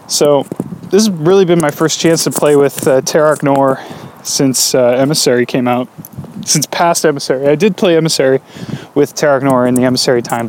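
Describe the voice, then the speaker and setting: A man hosting a podcast on his own, rambling and hesitant with many fillers, recorded in low quality while walking a dog outdoors. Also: a little mellow, a little hiss or hum. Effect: low-quality audio, recorded while walking outdoors. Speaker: podcast host. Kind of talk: casual solo podcast chat.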